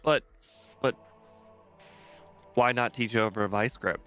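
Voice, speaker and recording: A man's voice: mid-range voice, steady tone, slow pace, pushed and bright, smooth, faint music behind. A man chatting on a game stream as a guest, hesitant and repeating words. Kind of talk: casual chat on a stream.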